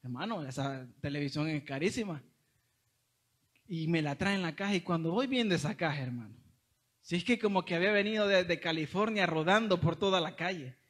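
Salvadoran guy preaching, tells his story all animated, kinda high voice. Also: fairly quick. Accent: Salvadoran Spanish. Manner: animated storytelling, addresses listeners as brother. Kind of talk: sermon testimony.

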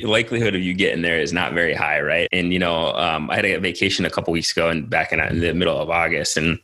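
Deep, bright-voiced male podcast host. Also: quick pace. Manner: informal, slangy, often addressing his co-host as man and dude. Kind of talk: casual podcast chat.

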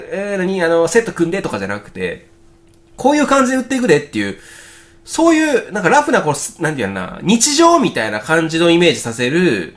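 Animated Kansai man reacting aloud. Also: high-pitched. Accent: Kansai Japanese. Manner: excitable, thinking aloud with frequent exclamations. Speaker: reaction video host. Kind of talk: casual reaction commentary. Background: faint music video playing.

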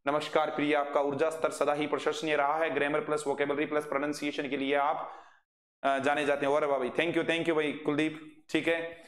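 An English vocabulary teacher with an Indian accent leads a live online class. His voice sits a little high and stays narrow in pitch. He keeps drilling students with quick questions, and the room gives his voice an echo. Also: flat delivery.

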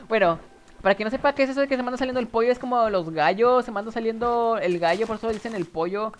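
A man's voice: very high voice, a little hiss or hum. A young man with a northern Mexican accent, chatting casually to viewers while streaming a game, rambling with nervous giggles. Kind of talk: casual live game commentary.

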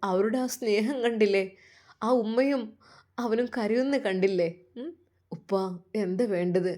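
A woman's voice: medium pitch, measured pace, mellow, lightly acted. A woman voicing a caring young elder brother with a Malabar Malayalam accent, asking hesitant questions.

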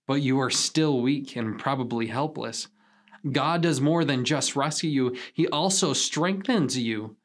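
This is a man pastor delivering a sermon. He speaks earnestly at a middle pitch. He paces himself with deliberate pauses to stress key lines. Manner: earnest, measured preaching with emphatic pauses.

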